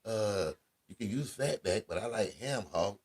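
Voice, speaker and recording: A man's voice: on the low side, animated, a little slow, breathy edge, pitched above the performer's own voice. A man imitating his affectionate old grandmother as she rambles through a recipe. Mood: folksy. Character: kindly old grandmother giving vague cooking tips.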